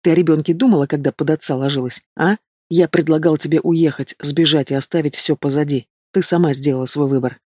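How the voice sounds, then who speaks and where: A man's voice: on the high side, fairly even intonation, fairly quick, a little mellow, no echo, clean studio sound, close to an everyday voice. A man voicing a bitter young henchman who speaks coldly and with contempt, in an audiobook reading. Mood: cold scorn. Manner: cold, contemptuous. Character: bitter young male henchman, cold and scornful.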